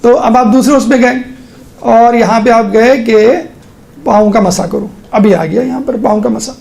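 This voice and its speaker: A religious teacher giving a casual online lesson, walking listeners through a screen step by step. The talk is conversational, with frequent check-ins, and scripture is recited in slow, measured phrases. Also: mid-range voice, fairly even intonation, creaky, darkish tone.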